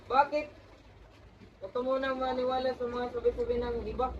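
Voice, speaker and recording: A woman voicing a calm male relative in an amateur family skit, asking gentle questions. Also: sits high, a little fast, dull audio, noisy background, voice pushed down, close to an everyday voice. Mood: concerned.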